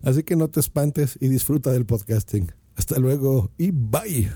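A man's voice: mid-range voice, animated, normal speed, warm tone, slightly rough, no echo. A man with a Mexican accent hosting a podcast, talking casually and playfully to his listeners while recording on a phone in his office. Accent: Mexican Spanish. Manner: playful and chatty, addresses listeners directly. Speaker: podcast host.

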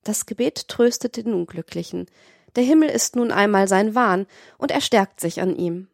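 A woman narrating a classic novel as an audiobook in a measured, literary manner. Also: medium pitch, animated, creaky, no echo, studio quality.

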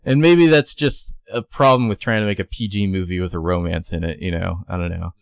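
A man's voice: deep voice, steady tone, fairly quick, creaky, smooth, no echo. A man co-hosting a casual film discussion in an informal, jokey way. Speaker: podcast co-host.

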